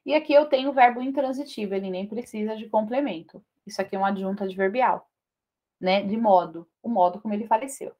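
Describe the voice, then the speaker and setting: A Brazilian woman teaching an online Portuguese grammar lesson, explaining in a lively way and checking in with short tag questions. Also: medium pitch, fast talker, muffled recording.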